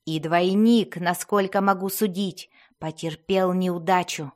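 A woman reading an audiobook, voicing a harsh young male dark elf warrior who speaks sharply and coldly. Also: lowish voice, steady tone, unhurried, natural voice. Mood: angry.

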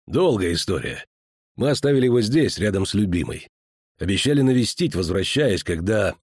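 A man voicing a grim, weary male witcher in an audiobook, speaking curtly with a husky voice. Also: lowish voice, expressive, brisk, no echo, studio quality. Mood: terse. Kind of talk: audiobook character reading.

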